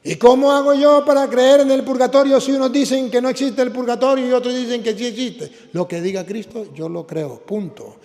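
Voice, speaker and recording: Priest, forceful repetitive preaching, high voice in a reverberant church. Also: male voice, fairly even intonation, fairly quick, few pauses. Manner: emphatic, repeats lines for the congregation. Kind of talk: sermon.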